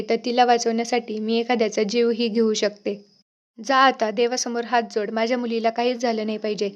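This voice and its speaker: A wronged mother who speaks firmly and fast in defense of her daughter, as a woman reads her lines. The voice is a little high and flat in tone. The recording sounds slightly muffled. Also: close to an everyday voice.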